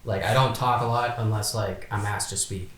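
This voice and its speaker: A young man in his twenties talks in a hesitant, casual way as a podcast guest, stopping and restarting often. His voice sits fairly low. The recording carries a noticeable room echo. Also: steady tone, moderate pace, a bit bright. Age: 20s. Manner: hesitant, many fillers and restarts. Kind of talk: casual chat.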